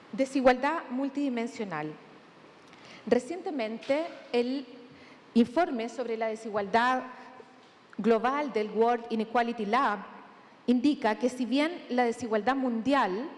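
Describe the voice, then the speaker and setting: Chilean woman giving a measured conference talk. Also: a little high. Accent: Chilean Spanish. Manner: measured, deliberate, with thinking pauses. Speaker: conference speaker. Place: large conference hall. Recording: long hall reverb, faint room noise.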